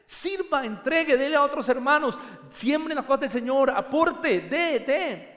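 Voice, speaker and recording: A middle-aged man preaching a sermon as pastor, swinging from hushed low passages to loud, high, fervent bursts. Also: expressive, a little slow. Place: church. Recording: long hall reverb.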